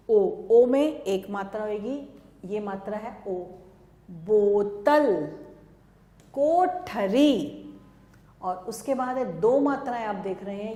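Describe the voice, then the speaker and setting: A woman teaching Hindi letters and vowel signs to young children in a recorded lesson. She is slow and patient, stretches out each sound and calls the example words out louder than the rest. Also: medium pitch. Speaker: primary school Hindi teacher. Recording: echoey room with long reverb.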